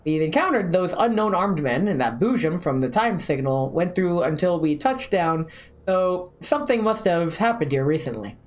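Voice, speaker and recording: Animated woman streaming a story game. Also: lowish voice, normal speed. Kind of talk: reading game story aloud with casual commentary.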